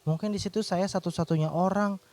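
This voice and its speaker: A man's voice: sits high, fairly even intonation, brisk, darkish tone. A man, a doctor, telling a personal faith testimony in an earnest storytelling way, with restarts.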